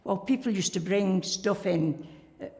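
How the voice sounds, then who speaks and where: An older woman from Staffordshire, England, a former pottery worker, reminisces about her working days in an interview. Her medium-pitched voice is mellow and a little slow, and her rambling, chatty stories are full of "like" and "you know." The room is reverberant.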